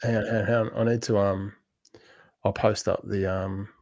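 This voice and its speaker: A man co-hosting a casual sports podcast, talking in a blokey, sweary, halting way with his mates. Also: fairly low pitch, little pitch movement, a little mellow, dry recording. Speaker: podcast co-host.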